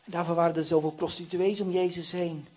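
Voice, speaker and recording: Brief: male preacher, notably high voice, emphatic and earnest, chatty sermon delivery. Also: flat delivery, fairly quick, a little mellow, husky. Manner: earnest, emphatic, conversational preaching with tag questions.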